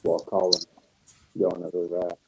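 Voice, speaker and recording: A man's voice: sits low, completely flat delivery, moderate pace, fairly bright tone. A man on a group call whose voice sounds muffled and far off, as if through a wall. He is shivering from the cold and keeps checking whether the others can hear him. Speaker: regular on a group video call. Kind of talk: casual chat. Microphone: faulty or low computer mic on a call. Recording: muffled, distant, dull call audio.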